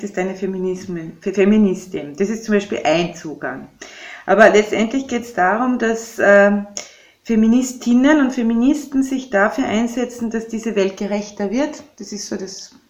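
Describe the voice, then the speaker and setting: A woman in her fifties with an Austrian German accent talks through her ideas slowly and reflectively. Her voice sits in a middle register. The recording carries a noticeable room echo. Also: medium pitch. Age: 50s. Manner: reflective, measured, thinks aloud. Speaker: podcast guest, activist. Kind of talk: podcast conversation.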